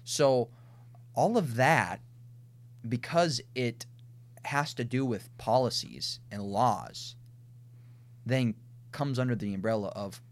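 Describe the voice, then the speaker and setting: A man's voice: medium pitch, takes it slowly, pauses often. Man with a Minnesota accent explaining. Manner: explanatory, thinks aloud with restarts and lists. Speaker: podcast co-host. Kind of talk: casual conversational podcast discussion.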